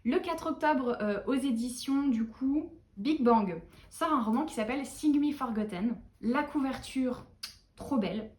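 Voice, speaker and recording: A young woman talks casually to her viewers, chatty and quick to poke fun at herself. She sounds a little tired, and her voice sits fairly high. The room around her is noticeably echoey. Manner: chatty, self-mocking, animated. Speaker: book vlogger. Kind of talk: casual book chat to camera.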